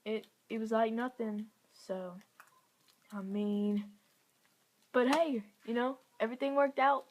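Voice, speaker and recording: A woman's voice: fairly high pitch, fairly even intonation, measured pace, a little hiss or hum. Chatty young woman vlogger. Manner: chatty, giggly, lots of "like" fillers. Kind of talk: casual story time.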